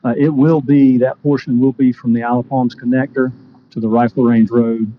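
A man's voice: mid-range voice, little pitch movement, a little fast. A man giving a conversational technical explanation as a utility official presenting to a committee. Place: indoor committee meeting. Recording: dull meeting audio, faint noise.

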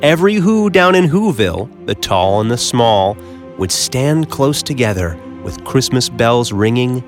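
A man reading a rhyming storybook aloud in an expressive, sing-song way, drawing out playful repetitions. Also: medium pitch, a little slow. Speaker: storybook narrator. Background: background music with jingle bells.

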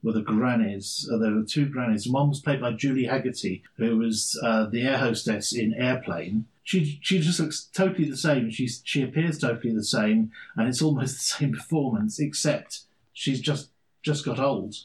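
A man's voice: medium pitch, normal speed, rough recording. A middle-aged man from London with an English accent, a stand-in guest telling long stories in a dry, self-deprecating way on a casual podcast. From London, England.

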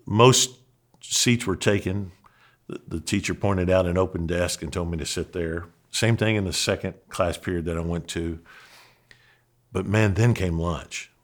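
A middle-aged man with a Southern accent from Kentucky, a pastor telling a personal story in an earnest, animated way with frequent restarts. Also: deep voice, a little slow. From Western Kentucky, USA. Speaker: pastor and podcast host.

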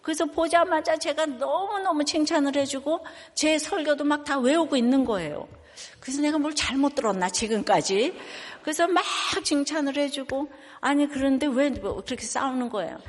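A woman's voice: sits high, normal speed. An older woman pastor preaching a sermon, telling stories and asking the congregation questions. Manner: chatty storytelling, asks the congregation questions. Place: church sanctuary. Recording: long hall reverb.

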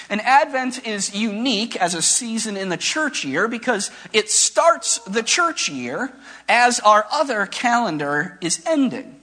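Pastor, male, husky tone, lively pitch, unhurried conversational sermon delivery. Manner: conversational, reflective preaching with rhetorical questions.

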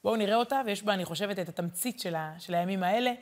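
A woman who teaches and works as a journalist, giving a lively, emphatic Torah lesson and repeating words as she searches for them. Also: mid-range voice.

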